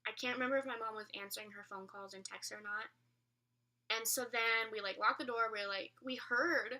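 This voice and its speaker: A young adult woman vlogger tells a personal story casually, rambling, speaking colloquially, correcting herself, and repeating phrases for emphasis. Her voice is fairly high, pushed and bright, and it was recorded from a distance.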